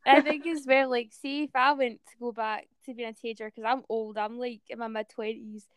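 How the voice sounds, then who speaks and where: Smooth-voiced woman in her mid-twenties. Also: a little high, steady tone, brisk, no room sound. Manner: friendly, laughs often, asks follow-up questions. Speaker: podcast host. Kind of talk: casual interview chat.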